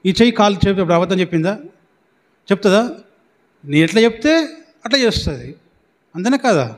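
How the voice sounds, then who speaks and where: Male pastor with a high voice, preaching emphatically and quizzing his flock, church hall with long reverb. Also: expressive, fast talker. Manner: preaching with questions to the congregation; repetitive, emphatic delivery. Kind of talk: sermon.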